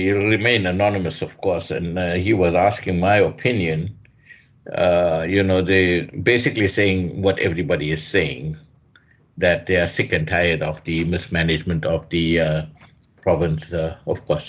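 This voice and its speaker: A man co-hosting a radio talk show, speaking in a measured, hesitant way with many fillers. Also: low-pitched. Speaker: radio co-host. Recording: dull lo-fi radio sound.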